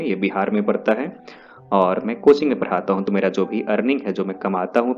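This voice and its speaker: A man's voice: fairly low pitch, a little mellow. A man teaching an English lesson in a classroom style, explaining step by step and repeating key terms. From India. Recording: dull lo-fi audio with faint music.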